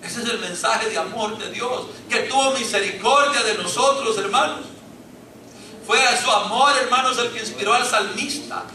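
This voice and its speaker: This pastor's extremely high voice is pushed and bright, delivered at normal speed with a little hiss or hum on the recording. Speaking with a Latin American Spanish accent, he gives a fervent sermon to his congregation, calling them brothers, captured by a distant mic in an echoey church sanctuary.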